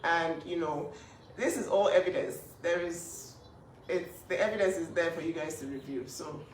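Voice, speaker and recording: A woman's voice: on the low side, normal speed, background noise. A woman speaking up for her younger sister in a casual vlog, emphatic and indignant, with restarts. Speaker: older sister speaking up for family. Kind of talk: casual to-camera vlog talk. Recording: echoey room, voice from a distance.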